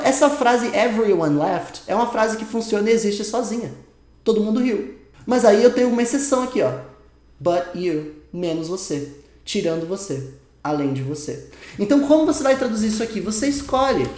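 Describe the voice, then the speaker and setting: A man with a Brazilian Portuguese accent giving a casual online language lesson, chatty and lively, speeding through asides and slowing down to spell out examples. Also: high-pitched, roomy sound. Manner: lively, chatty teaching with quick bursts and slow drawn-out examples. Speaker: English teacher.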